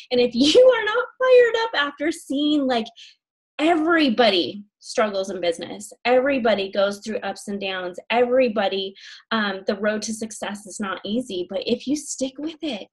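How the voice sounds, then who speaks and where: A woman leading a team video call, energetic and rallying, pumping everyone up. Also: on the high side, husky.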